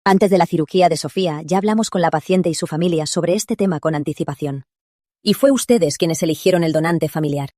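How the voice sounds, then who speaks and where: A woman's voice: on the low side, a little fast, mellow, no echo, studio quality, close to an everyday voice. A woman voicing a composed young female surgeon who explains steadily and firmly, in a Spanish drama dub.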